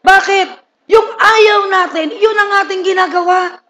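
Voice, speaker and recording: A high-voiced man preaches to his congregation. He is humorous and lively, acting out everyday people's words and asking the listeners for agreement again and again. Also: measured pace, a little hiss or hum. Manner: humorous, asks the crowd "Di ba?" often; lively, acts out people's lines. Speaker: pastor. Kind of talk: sermon.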